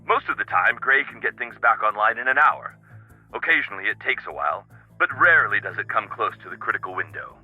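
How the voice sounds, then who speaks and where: A man's voice: fairly low pitch, lively intonation, a little fast, no echo, faint music behind. An actor playing a busy, confiding male scientist in a video game, matter-of-fact, in dull-sounding audio. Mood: casual, reassuring.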